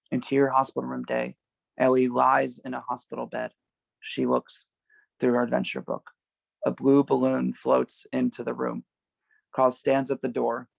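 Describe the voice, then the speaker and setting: Screenplay directions are narrated by a man at a table read, his middle-pitched voice creaky and gravelly. The audio is dry, close-miked, and low in quality, with no room sound.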